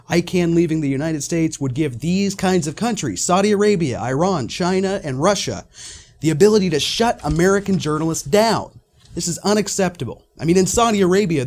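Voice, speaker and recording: A man's voice: a little high, a little mellow. A man delivering an urgent, scripted political commentary as an online journalist, pleading with listeners to act. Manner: urgent, pleading call to action.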